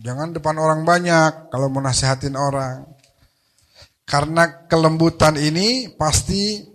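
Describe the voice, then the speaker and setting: A man's voice: fairly high pitch, fairly bright tone. A man preaching at a weekly study gathering in a Betawi Jakarta accent, mixing jokes and casual slang with chanted Arabic verses. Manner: joking, colloquial, quotes Arabic verses. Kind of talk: sermon.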